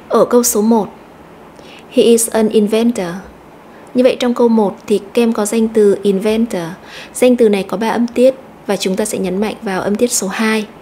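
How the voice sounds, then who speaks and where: Methodical woman teacher, mellow voice. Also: a little high, a little hiss or hum. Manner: methodical, repeats words slowly. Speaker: English teacher. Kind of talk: explaining a lesson.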